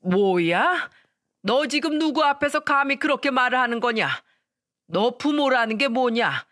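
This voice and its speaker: A woman voicing an elderly father-in-law who shouts rebukes at his daughter-in-law in a story radio reading. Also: high-pitched, lively intonation, a little slow, no echo, clean studio sound, pitched above the performer's own voice. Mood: furious scolding. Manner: shouting rebukes, raised and strained. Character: stern elderly father-in-law, furious scolding man.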